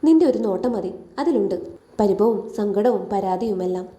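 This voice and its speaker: A woman voicing a gentle, apologetic middle-aged father who talks in a quiet way in an echoey room. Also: mid-range voice, lively intonation, normal speed, natural voice. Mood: subdued.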